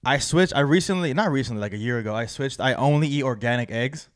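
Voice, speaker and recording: A young man chatting on a podcast at a quick clip, words tumbling out with restarts and casual swearing. His pitch sits in an ordinary middle range. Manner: loose, rambling, swears casually. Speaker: podcast co-host, athlete guest. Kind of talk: casual chat.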